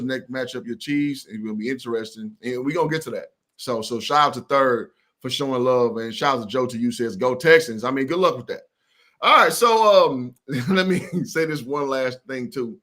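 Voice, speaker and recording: A man hosting a football talk show, hyping things up with emphatic agreement and shout-outs. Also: mid-range voice. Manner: hype, emphatic affirmations. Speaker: sports show host. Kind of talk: hyped sports talk.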